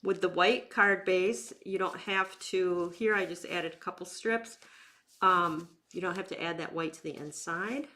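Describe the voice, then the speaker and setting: A woman's voice: on the low side, pushed and bright. A woman giving a casual, step-by-step craft demonstration in an informal way, talking as she works with her hands. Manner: informal, unhurried, talking while working with hands. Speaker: craft instructor and bingo night host.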